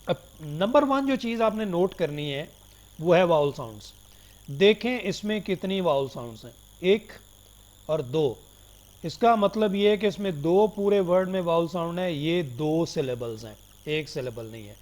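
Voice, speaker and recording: A man giving a recorded phonology lecture, slowly explaining terms, switching between Urdu and English and politely addressing his students. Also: sits high, darkish tone. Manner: addresses listeners politely as "janab" and "dear students".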